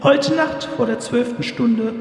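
A man voicing an entranced female seer who intones a dark prophecy in a slow, solemn, booming way. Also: vocal fry, roomy sound, in a large hall, full character voice. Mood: entranced, ominous.

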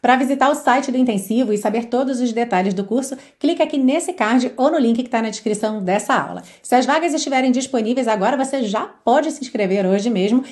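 Woman teacher, a bit high voice, upbeat, goes over english words slowly, sings lines of the lyrics. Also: darkish tone. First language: Portuguese. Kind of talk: pronunciation lesson with singing.

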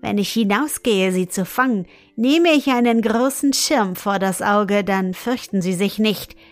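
An evil old wizard who lures children, gloating and coaxing in a slow, unhurried storybook telling, as a woman reads him out. The voice sits in a middling register and is recorded close and dry, with soft music faintly behind it. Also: mid-range voice, no echo, natural voice. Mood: scheming.

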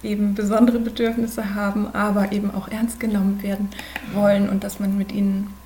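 A woman in her forties from Germany, a podcast guest, talking thoughtfully with many pauses and fillers. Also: mid-range voice, little pitch movement, warm tone, slight background noise. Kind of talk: conversational podcast interview.

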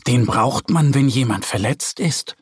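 A man voicing a calm, caring mother bear in a children's audio story, gently explaining. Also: medium pitch, a little slow, husky, no echo, studio quality. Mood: gentle.

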